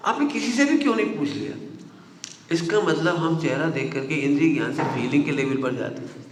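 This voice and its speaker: A man from Bundelkhand giving a religious discourse, lively and putting questions straight to his listeners. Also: fairly high pitch, a little fast. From Bundelkhand, India. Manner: animated, questions the audience directly. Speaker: Jain scholar giving a discourse. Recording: roomy hall with long reverb, faint noise.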